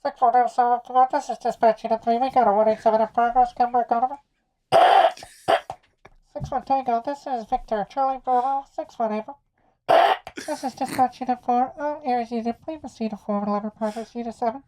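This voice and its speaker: A man's voice: very high voice, fairly even intonation, brisk, pauses often, warm tone, no room sound, voice pushed up. A man voicing a police radio dispatcher, imitating the crackle of the radio with his own voice and rattling off clipped call-outs. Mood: urgent dispatch. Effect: police radio sound imitated with the voice. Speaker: surf teacher. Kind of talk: vocal sound-effect impression.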